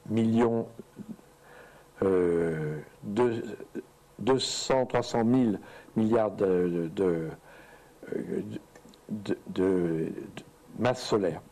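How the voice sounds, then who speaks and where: A man giving a seminar lecture on astronomy to an audience, talking over slides in a halting way, with many fillers, restarts and repeated words. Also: mid-range voice, darkish tone, low-quality recording. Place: lecture room.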